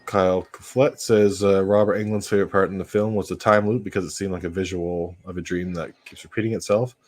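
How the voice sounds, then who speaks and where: A man's voice: deep voice, fairly quick. A young man hosting a casual live watch-party stream, chatting and reading out viewer comments. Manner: relaxed, reads out viewer comments.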